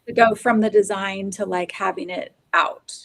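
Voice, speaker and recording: A woman's voice: mid-range voice, fairly even intonation, moderate pace, gravelly, no echo. Rambling woman with dry sound. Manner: rambling, many "like" and "um" fillers. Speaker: podcast co-host. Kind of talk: casual chat. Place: Oklahoma, US.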